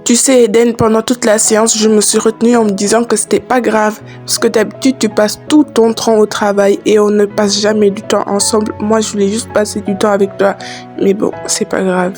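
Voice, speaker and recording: A woman's voice: medium pitch, flat delivery, normal speed, a little mellow, faint music behind. Miss, a woman voicing a jealous young wife. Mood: hurt. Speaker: storyteller and voice actor.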